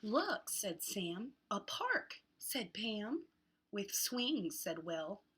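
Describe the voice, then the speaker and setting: With background noise behind her, a medium-pitched woman hosts a children's read-aloud, going through a picture book extremely slowly. Every so often she stresses words dramatically, keeping the delivery animated and exaggerated.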